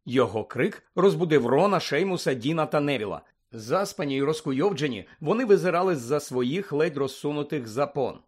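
Lively man reading a storybook. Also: fairly high pitch, fairly quick. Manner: lively, acts out the lines of each character. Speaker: narrator. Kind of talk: audiobook reading.

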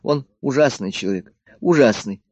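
A man's voice: medium pitch, lively intonation, normal speed, darkish tone, breathy edge, no echo, voice pushed up. A man voicing a frightened young girl lying ill, who speaks timidly and pleads. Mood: timid, pleading. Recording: dull dry lo-fi studio recording.

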